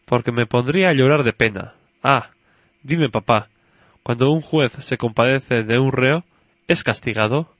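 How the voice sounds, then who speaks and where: A curious, eager little girl, as a man reading the story puts her on, full of innocent questions for her father. A colors her words. The delivery is slow and the sound dry and close. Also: mid-range voice, a bit bright, dry recording. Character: curious, chatty little girl, judge's daughter.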